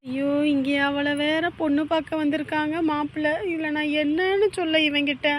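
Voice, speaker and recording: A woman's voice: high voice, fairly even intonation, moderate pace, slight background noise, lightly acted. A woman playing a flustered young village woman who mutters exasperated asides in a family drama.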